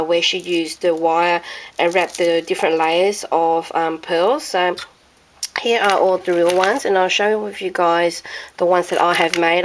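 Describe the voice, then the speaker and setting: Australian woman, croaky from a sore throat, low-pitched, rambling show-and-tell crafting vlog host. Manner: rambling, many ums and restarts. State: hoarse, croaky voice. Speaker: crafting vlogger. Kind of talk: casual show-and-tell chat.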